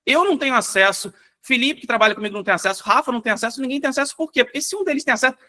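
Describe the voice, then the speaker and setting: A man with a Brazilian Portuguese accent, a company founder giving a live online workshop demo over a video call, talking energetically and dropping "né?" and "gente" as fillers. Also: very high voice. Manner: energetic, rapid, fills with "né?" and "gente". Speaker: software company founder presenting.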